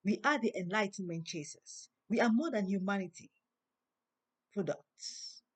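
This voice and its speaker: A woman hosting a spoken monologue in slow, preaching tones, with a non-native English accent. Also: medium pitch, lively intonation, breathy edge. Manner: slow, preaching, emphatic rises. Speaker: host. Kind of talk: inspirational monologue.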